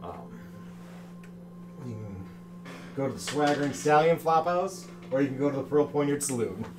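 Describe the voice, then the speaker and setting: A man's voice: mid-range voice, expressive, moderate pace, over music. A man improvising scene descriptions as the game master of a tabletop game. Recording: noisy room recording.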